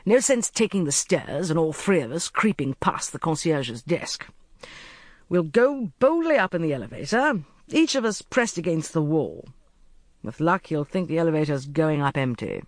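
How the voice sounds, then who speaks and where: A narrator voicing a bold young man who takes charge with quick, commanding instructions in an audiobook. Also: medium pitch, big pitch swings, dry recording, natural voice. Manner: quick, commanding, grimly light. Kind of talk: audiobook character reading.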